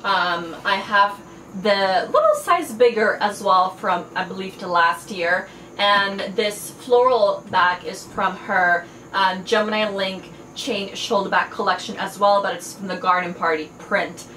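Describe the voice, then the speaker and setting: Her mid-range voice sounds bright and forceful, and she speaks unhurriedly. This young Farsi-speaking fashion and beauty vlogger is enthusiastic and chatty in a casual haul, using lots of fillers, recorded in an echoey room with faint background noise.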